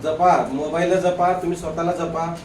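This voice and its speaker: High-voiced man teaching grammar in class. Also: level tone, normal speed, darkish tone, roomy sound, distant mic, a little hiss or hum, low-quality recording. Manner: repeats questions to the class, coaxing and explaining. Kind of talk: classroom lecture.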